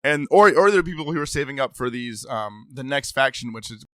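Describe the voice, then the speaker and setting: A man's voice: medium pitch, lively intonation, pushed and bright, dry recording. An eager man co-hosts a podcast, chatting casually and breaking into laughs. His voice sits in the middle range, and the recording is dry and close on the mic. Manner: eager, quick restarts, laughs often. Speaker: podcast co-host. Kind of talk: casual gaming chat.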